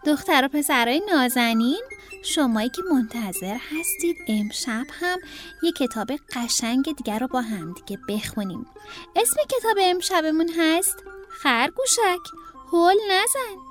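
A young woman reads a children's picture book aloud and often turns to speak to her little listeners. Her high voice swoops up and down in an animated, sing-song way. The sound is dry and close, with soft music behind. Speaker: children's storyteller.

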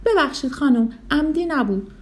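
A woman's voice: high-pitched, expressive. A woman voicing a big, boastful bully boy elephant in a children's storybook, speaking in a taunting, cocky way. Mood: sly.

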